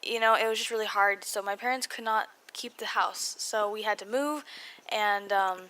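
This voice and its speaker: A woman's voice: medium pitch, normal speed, sharp tone. A young woman from California with an American accent and slightly muffled articulation from braces, telling her story as a casual vlog voice-over, rambling and interrupting herself with self-deprecating asides. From California, United States. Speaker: video blogger.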